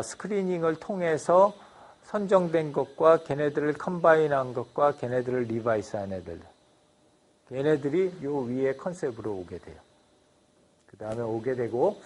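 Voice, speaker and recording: Give me a man with a slightly high voice, lecturing slowly, step by step, with many fillers. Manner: explains step by step with many fillers and English loanwords. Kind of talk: university lecture.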